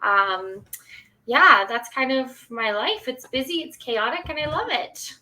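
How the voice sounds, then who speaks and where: A woman's voice: high voice, lively intonation, unhurried, sharp tone, rough recording. A woman from Northern Alberta co-hosting a video chat, upbeat, chatty and joking. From Northern Alberta, Canada. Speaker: co-host. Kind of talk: casual video call chat. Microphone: video call.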